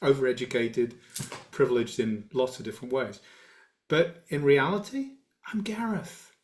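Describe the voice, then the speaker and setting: Meditation teacher, male, mid-pitched, reflective and measured, pauses often. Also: lively intonation, a little mellow. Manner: measured, reflective, halting with fillers. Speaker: guiding teacher of a meditation community. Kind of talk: dharma talk Q&A.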